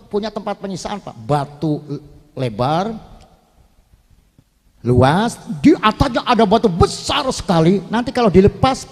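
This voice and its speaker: A man's voice: high voice, darkish tone. A man preaching a live sermon, telling a story animatedly and joking with the audience. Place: large religious gathering hall. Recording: reverberant hall.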